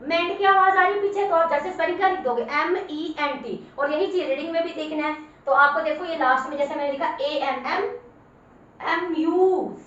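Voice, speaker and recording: Woman teacher, high voice, spells words letter by letter and repeats them; recorded far from the mic with a dull tone. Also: normal speed, fairly bright tone, slight background noise. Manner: patient, repeats each word for the learner. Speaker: English teacher. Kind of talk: spoken spelling lesson. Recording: very echoey room, far from mic, dull sound.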